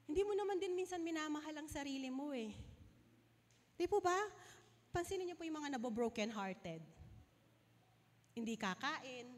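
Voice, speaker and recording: A woman pastor preaching a sermon, earnestly asking her congregation questions, still recovering from a fever. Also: sits high. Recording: long hall reverb.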